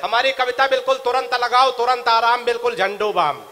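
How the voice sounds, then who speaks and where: A man performing comic poetry on stage, bantering with the crowd and chanting his verses slowly. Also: extremely high pitch, fairly even intonation, bright, forceful tone. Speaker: comic poet. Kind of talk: stand-up comic poetry at a live recital.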